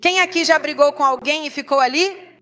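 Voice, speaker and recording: A woman's voice: high voice, brisk, pushed and bright, faint music behind. A woman pastor preaching a sermon, emphatic and putting rhetorical questions to the congregation.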